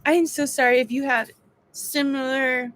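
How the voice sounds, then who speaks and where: A woman in her thirties talks to her camera in a high voice, exasperated and exhausted. She vents in bursts, trailing off, sighing and starting her sentences over. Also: flat delivery, normal speed, fairly bright tone. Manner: venting, exasperated, restarts and sighs. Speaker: vlogger sharing a health update. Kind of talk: frustrated personal vlog.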